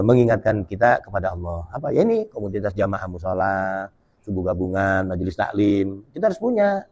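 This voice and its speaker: Male preacher, husky voice, animated pitch, colloquial and joking, explains Arabic text. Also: dull audio. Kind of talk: humorous sermon. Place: mosque gathering after dawn prayer.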